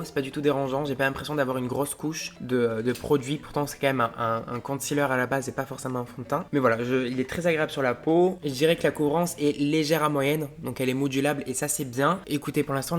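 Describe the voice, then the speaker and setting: A young man doing a makeup review vlog, with loud, dramatic exclamations between his comments. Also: mid-range voice. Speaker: beauty vlogger.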